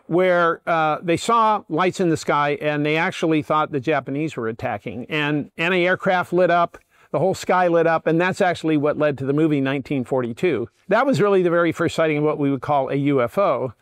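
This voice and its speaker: A man's voice: fairly high pitch, fairly quick, clean tone, no echo, clean studio sound. An older man giving a public lecture, explaining in a plain and methodical way. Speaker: guest lecturer.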